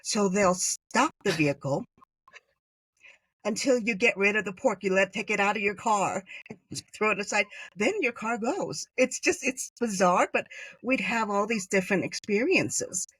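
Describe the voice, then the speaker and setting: A woman's voice: mid-range voice, normal speed, a bit bright, breathy edge, no echo. A middle-aged woman from Hawaii, a podcast guest chatting through personal stories with many fillers. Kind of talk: conversational storytelling interview.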